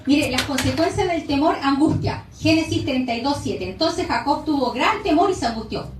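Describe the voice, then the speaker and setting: High-voiced woman preaching in an echoey room. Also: lively intonation, moderate pace, far from the mic, background noise. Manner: emphatic, questions the congregation directly. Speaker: pastor. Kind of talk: sermon.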